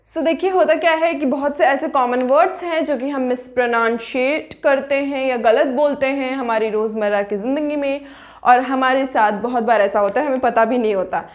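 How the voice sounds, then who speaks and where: A woman with an Indian accent giving a casual pronunciation lesson, mixing Hindi and English and slowly repeating each word as a drill. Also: high voice. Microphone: writes on a board while talking.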